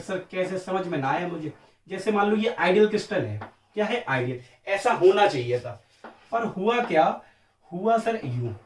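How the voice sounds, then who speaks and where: Man, chemistry teacher, high voice, asks and answers his own questions, repeats terms, distant mic, echoey room. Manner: repeats key terms call-and-response; calls listeners beta and sir. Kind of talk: classroom lecture.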